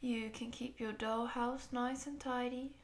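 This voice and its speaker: In an intimate ASMR roleplay, a woman voices an obsessive, sadistic giant who dotes on a tiny captive, teasing and possessive with a soft menace. Her fairly high voice is flat and measured, often sinking toward a whisper.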